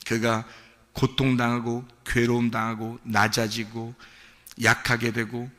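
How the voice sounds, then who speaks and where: A male pastor preaching an impassioned sermon in a church, swinging between hushed words and loud outbursts. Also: medium pitch, completely flat delivery, unhurried, in a large hall. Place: church sanctuary.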